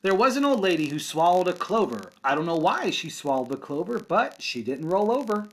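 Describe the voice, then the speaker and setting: Reading a picture book aloud to young children, a man sounds just like a kindergarten teacher, his fairly high voice swinging widely in pitch. He goes sing-song on the rhymes, keeps a brisk pace, and drops encouraging casual asides.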